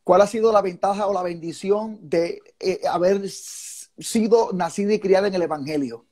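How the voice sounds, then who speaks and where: A man's voice: high voice, normal speed, warm tone. A man hosting a live faith program, preaching and then interviewing a guest, with fervent exclamations of praise woven into his speech. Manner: fervent, sprinkled with "gloria al Señor" and "aleluya". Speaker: host and preacher.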